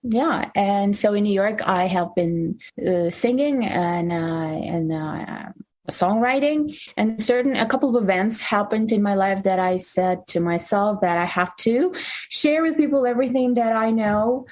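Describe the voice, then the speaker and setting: Woman, candid and halting. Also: medium pitch, darkish tone. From Soviet Union, raised in Russia and Ukraine. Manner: open, halting, frequent fillers and restarts. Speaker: guest, sex coach. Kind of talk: candid interview storytelling.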